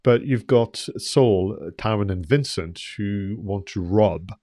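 A man with a very low voice talks through a film in a relaxed podcast chat. His delivery is thoughtful and measured. The sound is dry and close, with no room around it. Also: dry recording. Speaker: podcast co-host. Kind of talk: casual film review chat.

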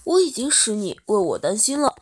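A woman voicing a shy, stammering eighteen-year-old boy in a storybook reading, with a husky voice. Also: mid-range voice, sing-song, brisk, a little mellow. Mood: nervous, pleading. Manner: stammering, nervous.

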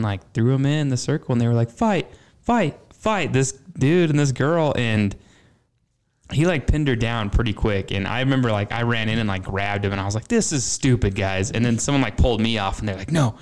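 A man in casual chat, relaxed and joking, chiming in with quick quips. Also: medium pitch, clean tone.

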